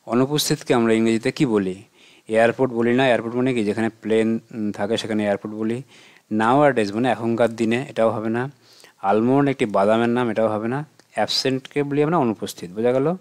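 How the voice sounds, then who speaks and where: A man with a Bengali accent explaining exam questions to children, asking questions and then answering them himself in a patient, steady way. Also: medium pitch. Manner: patient, asks and answers his own questions. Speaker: teacher.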